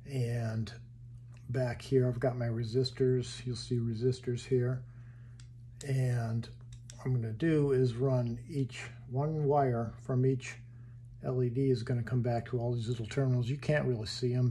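A man casually walking through his hobby wiring build in a home workshop, halting and thinking aloud as he handles parts. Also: mid-range voice, warm tone, slight background noise.

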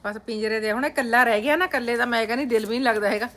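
A woman's voice: fairly high pitch, rapid-fire, a bit bright. A woman chatting casually to viewers at home as a vlogger. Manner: chatty, addresses viewers directly. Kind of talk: casual home vlog narration. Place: family home with courtyard.

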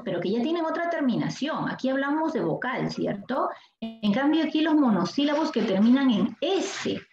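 A woman teacher with a Peruvian Spanish accent, giving a language lesson and asking the class questions, stretching out example words slowly. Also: a little high, darkish tone. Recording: echoey room, dull sound, faint noise.

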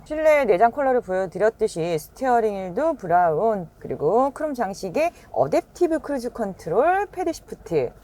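A woman presenting a used car in a slick, polished sales pitch, full of rhetorical questions like a practiced dealer. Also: darkish tone.

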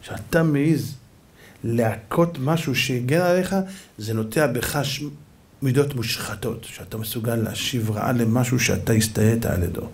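A man giving a fiery sermon as a rabbi, dramatic, swinging between shouting and hushed asides, with an Israeli Hebrew accent. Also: mid-range voice.

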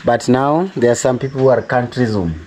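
A man's voice: mid-range voice, steady tone, moderate pace, slight background noise. A man with a Kenyan accent chatting casually in a vlog, repeating himself and thanking supporters. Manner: chatty, repeats words, thanks donors warmly. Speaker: vlogger.

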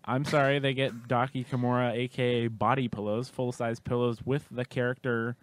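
Halting man explaining on a podcast. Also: medium pitch, little pitch movement, no echo. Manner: halting, restarts often while explaining. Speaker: podcast co-host. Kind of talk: casual chat.

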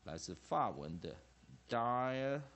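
A man with a Taiwanese Mandarin accent explains English phonics in a classroom-style lecture. His voice sits low but swings widely in pitch. He keeps repeating terms and punctuates almost every phrase with "ah" or "ha". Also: moderate pace. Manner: lively, peppers phrases with 'ah' and 'ha', repeats terms. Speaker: English teacher.

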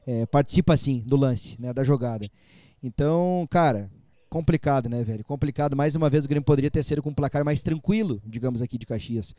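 A man's voice: mid-range voice, fairly quick, mellow, no room sound. A man hosting a live fan broadcast after a football match, chatty and opinionated. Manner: chatty, opinionated, tag questions. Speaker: fan channel host.

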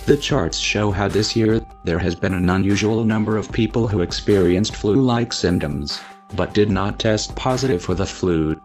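Disguised deep male voice, pitched down. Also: moderate pace, few pauses, a little mellow, faint music behind. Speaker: anonymous narrator. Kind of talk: scripted read-out statement.

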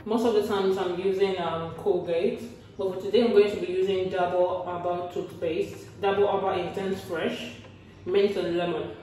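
A woman's voice: fairly low pitch, fairly even intonation, normal speed, dark tone. A woman vlogger casually explaining a home teeth-whitening routine while her mouth is full of charcoal paste. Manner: chatty, self-correcting, talking while demonstrating. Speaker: beauty vlogger. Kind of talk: casual how-to vlog. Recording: echoey room, voice from a distance, faint music.

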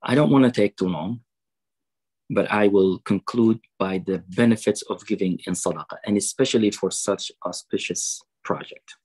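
Husky-voiced man preaching over a video call. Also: fairly low pitch, a little mellow, low-quality recording. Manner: quotes Arabic sayings, then translates and explains them slowly. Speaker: preacher at a fundraiser. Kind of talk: online fundraising sermon.

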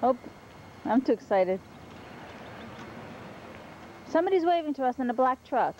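A woman's voice: high voice, big pitch swings, a little slow, warm tone. A woman filming a home video outdoors, cheerfully encouraging a child, heard through old camcorder audio. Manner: cheerful, encouraging, laughs often. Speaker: home video camera operator. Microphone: built-in camcorder mic. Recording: muffled old camcorder audio, faint hiss.

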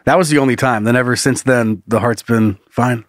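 A man's voice: mid-range voice, a little fast, no echo, studio quality. A middle-aged man who is sick, bantering casually as a podcast host through a face mask that slightly muffles him. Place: small indoor podcast studio. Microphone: podcast microphone on boom arm.

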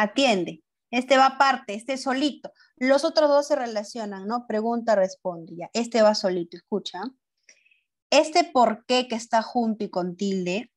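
A woman teaching young pupils, patiently going over each step and checking with questions. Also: a little high. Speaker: primary school teacher.

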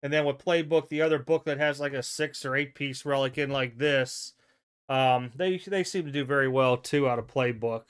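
Man, casual card vlog, home desk, clear smooth voice. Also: medium pitch, moderate pace. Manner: relaxed, chatty, thinks aloud and self-corrects. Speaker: sports card collector showing mail. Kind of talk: casual show-and-tell vlog.

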